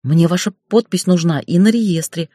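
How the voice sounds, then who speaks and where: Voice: medium pitch, moderate pace, mellow, dry recording, clean studio sound, close to an everyday voice. A narrator voicing a young female office accountant in an audiobook, pleading and then standing up to her boss. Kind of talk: audiobook character voice.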